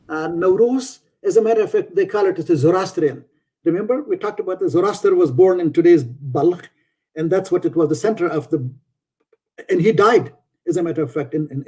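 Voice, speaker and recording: A man giving an informal lecture who stops and repeats words often and fills pauses with "uh". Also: on the high side, mellow, breathy edge. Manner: halting, repeats words, many fillers.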